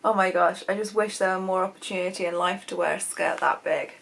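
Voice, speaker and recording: A woman's voice: on the low side, steady tone, a little fast, vocal fry, fairly bright tone, poor audio. A young woman chatting casually in a sewing vlog, gushing and chatty with lots of ums and likes. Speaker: sewing vlogger. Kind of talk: casual chat.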